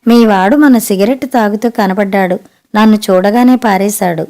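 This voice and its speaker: A female narrator plays a middle-aged man breaking awkward news to his friend, choosing words slowly and hesitantly. Her tone stays soft and warm, like a storybook reading. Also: medium pitch, close to an everyday voice. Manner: slow, hesitant, careful. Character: cautious male friend, middle-aged card player.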